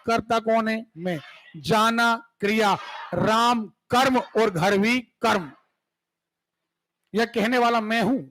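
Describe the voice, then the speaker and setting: A man with a high voice and a Madhya Pradesh Hindi accent teaches a grammar class for exam takers. He talks in a casual, joking way and keeps checking whether his students are following. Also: slow, pauses often, fairly bright tone, a little hiss or hum, poor audio. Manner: asks students frequent check questions. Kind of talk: exam-prep grammar lesson.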